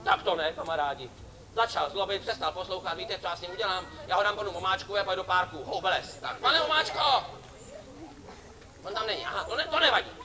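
A man performing as a street clown for children at an outdoor summer festival, joking and teasing volunteers from the audience. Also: high voice. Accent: Czech. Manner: playful, teasing banter with kids and audience. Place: outdoor festival stage before a crowd. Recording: lively crowd behind.

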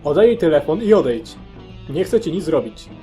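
A calm, firm young man holding his ground , as a man voices him. He speaks steadily and controlled, a little raised but never losing his temper. The tone stays low and mellow. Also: normal speed, soft background music.

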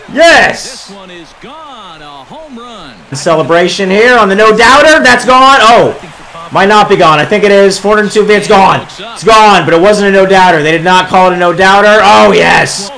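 A man giving excitable gameplay commentary, calling home runs like a sportscaster as he plays. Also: high voice, a little slow, vocal fry, pauses often, poor audio. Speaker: gaming video creator.

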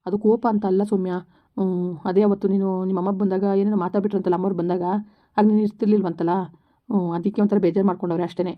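A woman's voice: medium pitch, little pitch movement, very fast, narrow, tinny audio, close to an everyday voice. A woman acting a young husband in a homemade village drama, talking in a reassuring, coaxing way.

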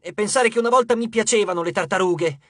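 Give me a narrator playing a commanding teenage girl in an audiobook, raised and bright. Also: mid-range voice, fast talker, dry recording, clean studio sound, voice pushed up, natural voice.

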